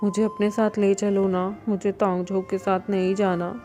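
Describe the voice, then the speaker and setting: A woman's voice: mid-range voice, level tone, moderate pace, dark tone, faint music behind, close to an everyday voice. A woman voicing a clingy, jealous young man who pleads and sulks. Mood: pleading.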